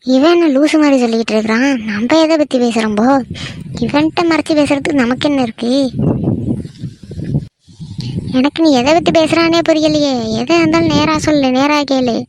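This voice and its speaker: A woman voicing a sharp-tongued village mother in a cartoon who grumbles and scolds. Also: high-pitched, fast talker, background noise, natural voice. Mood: defensive. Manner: grumbling, scolding, talks to herself. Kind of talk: cartoon voice acting.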